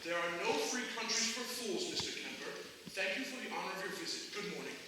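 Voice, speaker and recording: A teenage boy acting a gruff, pompous old merchant in a school stage play, bossy and blustering. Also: high-pitched, lively intonation, fast. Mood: stern. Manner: blustering, bossy, shouts in bursts. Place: large auditorium stage. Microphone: far camera in the audience. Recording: echoey hall from far off, noisy.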